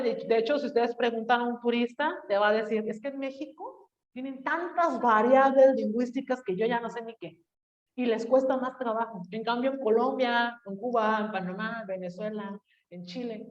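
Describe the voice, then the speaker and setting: A Mexican woman teacher with a Jalisco accent giving a chatty classroom lecture and checking in with her students as she goes. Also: on the high side. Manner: chatty, addresses students directly with tag questions. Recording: echoey room, voice from a distance, dull lo-fi sound.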